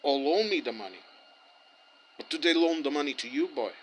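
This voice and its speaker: An animated man with a voice on the high side talks a little fast, ranting in English for a street interview. A native speaker of Portuguese and German, he airs his impassioned view with many false starts.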